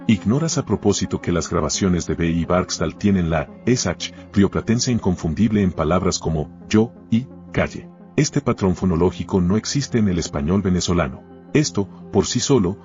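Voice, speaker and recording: A man narrating a scripted rebuttal in a measured, lecturing and combative way. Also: low voice, a little mellow. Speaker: commentator narrating a rebuttal video. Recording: dull lo-fi audio with faint music.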